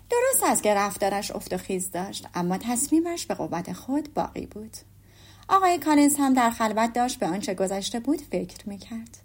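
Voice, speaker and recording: A woman narrates a classic novel in an even, steady storytelling voice. Her voice sits somewhat high. She reads the text plainly between the character parts. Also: breathy edge. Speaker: audiobook narrator. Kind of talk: scripted narration.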